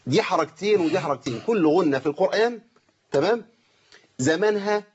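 Egyptian guy teaching tajweed, talks super fast, stretches out the recited words, kinda muffled recording. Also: high-pitched, animated, husky. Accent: Egyptian Arabic. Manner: corrects students, drawls out recited words. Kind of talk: tajweed lesson with recited examples.

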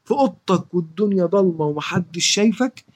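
Brisk, emphatic Egyptian woman teaching children. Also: on the low side, animated, a little mellow. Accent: Egyptian Arabic. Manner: emphatic and repetitive, slows down to recite verses. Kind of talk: religious lesson for children.

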